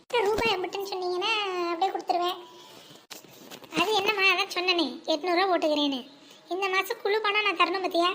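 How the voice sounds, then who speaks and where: A woman doing a very high-pitched, crafty village housewife. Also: fairly even intonation, fast talker, fairly bright tone. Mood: friendly. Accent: Tamil Nadu village. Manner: colloquial, exclamatory. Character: chatty, crafty village housewives gossiping and haggling. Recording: faint background noise and ambience.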